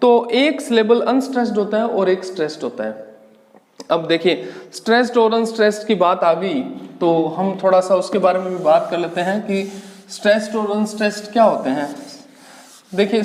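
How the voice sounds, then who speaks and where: Male lecturer, high voice, patient step-by-step explainer, reverberant classroom sound. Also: darkish tone. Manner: slow, explanatory, repeats key terms and asks rhetorical questions. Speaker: English literature teacher. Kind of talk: exam-prep lecture in Hindi with English terms. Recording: echoey, reverberant room.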